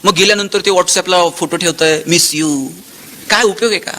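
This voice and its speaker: A motivational speaker from Maharashtra, telling anecdotes and acting out the dialogue. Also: male voice, high-pitched, normal speed. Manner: animated storyteller, acts out dialogue with shifting tone.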